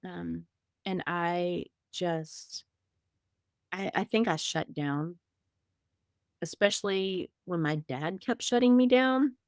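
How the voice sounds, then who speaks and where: A woman's voice: lowish voice, slow, pauses often, dry recording, clean studio sound. A middle-aged woman on a podcast, telling her story in a candid, emotional way, with many restarts and fillers. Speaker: podcast guest sharing her grief story. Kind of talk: casual conversational storytelling.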